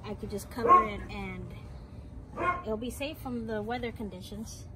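Standing in an outdoor driveway next to a house, a young female vlogger casually shows off a home build and explains each step. Her pitch is fairly high and her pace moderate. A nearby handheld camera's built-in mic records her along with heavy outdoor noise.

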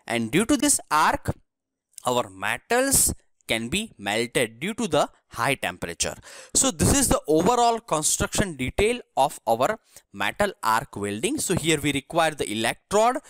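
A man's voice: fairly high pitch, huge pitch swings, unhurried, fairly bright tone, no echo. A man from India giving a recorded engineering lesson, explaining step by step and checking in with "right?". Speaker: engineering lecturer. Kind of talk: recorded technical lecture.

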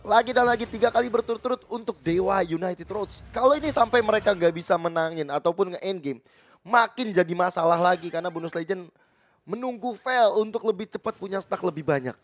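A man's voice: high voice, fairly quick, a little hiss or hum. A man with an Indonesian accent doing live esports commentary and analysis, in flowing explanations peppered with English gaming terms. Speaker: esports co-caster.

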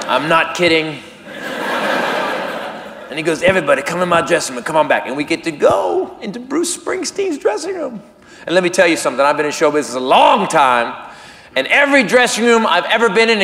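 A man telling a self-mocking story on stage as a stand-up comedian, animated and acting out voices. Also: on the high side. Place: comedy stage before a crowd. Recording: roomy live venue with audience.

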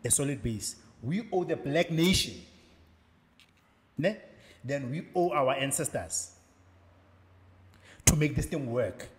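A man's voice: mid-range voice, animated, slow, long pauses, long reverb tail. A man with a South African accent, speaking reflectively and persuasively as a podcast co-host in a casual panel talk. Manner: reflective, persuasive, mixes in Sesotho.

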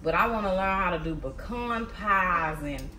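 A woman's voice: lowish voice, lively intonation, normal speed, pushed and bright. Woman in her thirties, chatty cooking vlog host, home kitchen, faint room noise. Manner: chatty, addresses viewers as y'all and baby. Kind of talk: casual cooking vlog chat.

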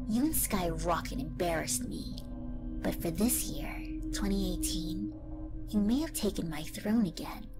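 A whispery, scheming evil lemon villainess, as a woman plays her breathes out a slow, menacing monologue in a fairly low voice. Music plays under her throughout this online fan story.

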